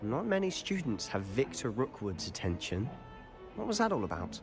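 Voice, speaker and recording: A confident young schoolboy schemer. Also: male voice, medium pitch, huge pitch swings, normal speed, music in the background. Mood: curious. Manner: confident, conspiratorial. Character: young male student, confident and sly.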